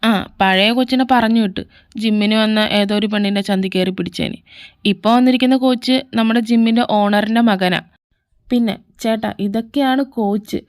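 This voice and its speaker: A woman's voice: a little high, fairly even intonation, a little fast, a little mellow, clean tone, no room sound, studio quality, natural voice. A woman voicing a cheeky younger brother who gushes and dodges questions, in a fan fiction audio story. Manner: cheeky, gushing, evasive.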